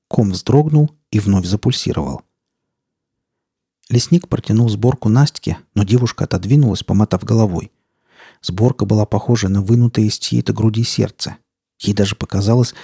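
A man narrating an audiobook with steady, measured reading. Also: fairly low pitch, creaky, breathy edge, no room sound, studio quality. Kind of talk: scripted narration.

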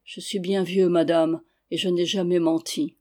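An audiobook reader voicing an old, loyal knight who speaks gravely and respectfully. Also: medium pitch, little pitch movement, unhurried, a little mellow, close to an everyday voice. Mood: solemn. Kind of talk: audiobook reading.

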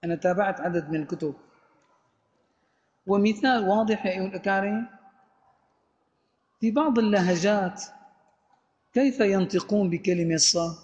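High-voiced male Arabic grammar lecturer. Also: darkish tone. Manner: asks rhetorical questions, then answers them; reads quoted text slowly and deliberately. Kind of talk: lecture explaining a grammar book. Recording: dull lo-fi audio with long hall reverb.

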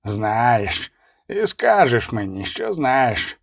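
A man voicing a cold, menacing male assassin in a rasping, slow, threatening tone, in an audiobook reading. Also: mid-range voice, big pitch swings, no echo, studio quality, heavily acted.

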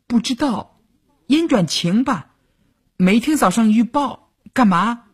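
A man voicing a cheerful teenage girl soldier who is quick to cry, in a high, pouting, tearful voice for an audiobook. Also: expressive, husky, exaggerated voice. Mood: puzzled. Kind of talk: audiobook character voice.

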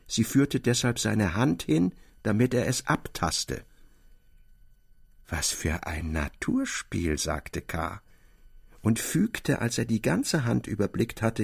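A male narrator tells a radio play in a scripted, storytelling style. His pitch moves a lot and his tone is gravelly and husky. The delivery stays steady and expressive.

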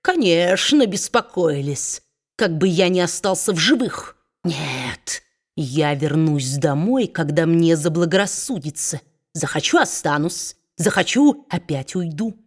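A woman reading aloud, voicing a spiteful, domineering male dwarf who mocks and shouts at his wife. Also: lowish voice, animated, a little slow. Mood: sneering. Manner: sneering, bullying, shouting.

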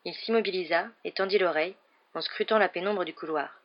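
A woman reading a novel aloud in a steady, calm narrating voice. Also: on the low side, a little fast. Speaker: storybook reader. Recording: dull lo-fi recording.

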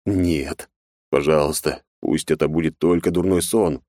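A man reading an audiobook, voicing a terrified sixteen-year-old boy who pleads in a high, desperate voice. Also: steady tone, a little slow, mellow, no room sound, clean studio sound. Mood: panicked. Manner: high, desperate, breaking pleas.

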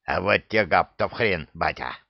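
A brash, jumpy young orc, as a man puts him on, blurting out rough words. The low voice is recorded close and dry, with a slightly dull sound. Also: animated, moderate pace, no room sound, heavily acted. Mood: defiant.

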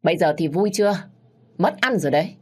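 A woman's voice: on the low side, expressive, fairly quick, a little mellow. A woman doing a sneering young sister. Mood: mocking. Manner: mocking, scolding.

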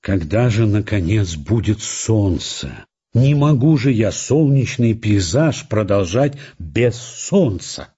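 A man's voice: lowish voice, sing-song, takes it slowly, dark tone, husky, lo-fi sound, full character voice. A man voicing a moody, irritable male painter who groans and snaps impatiently. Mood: groaning. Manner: groaning, impatient, through gritted teeth.

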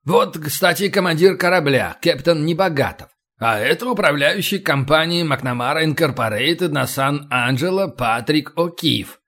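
A man's voice: on the high side, moderate pace, a bit bright. A man voicing an evasive, fawning male governor who mumbles apologetically in an audiobook. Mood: placating.

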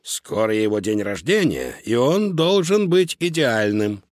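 A man voicing a bossy female sewer rat who works for a gang boss, sharp and demanding, in a storybook reading. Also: medium pitch, very animated, measured pace, no echo, studio quality.

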